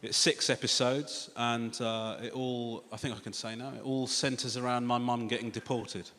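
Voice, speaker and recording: A man in his thirties performing a stand-up comedy set, animated and swearing freely as he acts out quoted lines. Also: medium pitch, moderate pace, background noise. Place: large comedy venue with a live audience. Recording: hall reverb with loud audience laughter.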